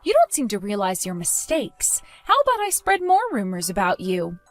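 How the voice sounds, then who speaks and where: A woman's voice: mid-range voice, wildly swooping pitch, normal speed, soft background music. A woman voicing a protective young mother in a dramatized story, accusing and sarcastic.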